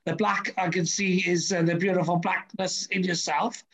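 High, gravelly man hosting a chat. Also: level tone, normal speed, a bit bright, rough recording. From Wales. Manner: chatty, rambling with many fillers. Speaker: podcast host. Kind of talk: casual interview chat.

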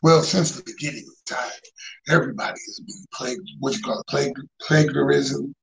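A man's voice: medium pitch, fast talker, fairly bright tone, rough recording. A man co-hosting a casual faith talk show in a playful, colloquial way. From Detroit, United States.

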